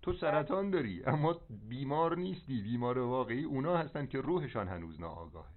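A man speaks over a landline phone, the sound narrow and tinny. He counsels like a spiritual teacher and doctor, giving firm instructions and pausing to check he is understood. His pitch sits in an ordinary male range. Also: big pitch swings. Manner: didactic, directive, with check-in questions. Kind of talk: preaching counsel on a phone call. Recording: narrow, tinny telephone line.

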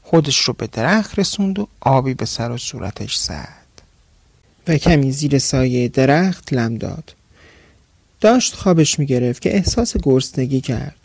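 Male storyteller, gravelly, dry close sound, measured narration. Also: mid-range voice, very animated, a little mellow, no echo.

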